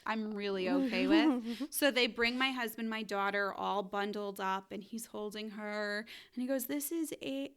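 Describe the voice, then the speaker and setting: Bright, clear-voiced woman telling a story. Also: mid-range voice, moderate pace, few pauses. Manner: animated storytelling, acting out quotes. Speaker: guest telling her birth story. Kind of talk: casual podcast chat.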